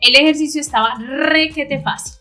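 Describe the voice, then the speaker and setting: A woman co-hosting a Spanish lesson, explaining clearly and often checking in with "¿sí?". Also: sits high, moderate pace, sharp tone, faint music behind. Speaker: Spanish teacher.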